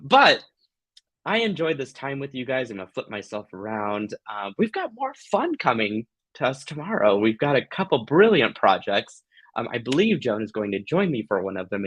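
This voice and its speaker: Gushing, affectionate man hosting a craft tutorial, lowish voice. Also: a bit bright, dry recording, low-quality recording. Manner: giggly, playful.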